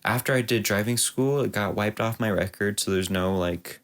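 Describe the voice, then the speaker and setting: A man's voice: lowish voice, normal speed. A young man, a podcast co-host telling a long story in casual chat, rambling and laughing often. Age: young adult.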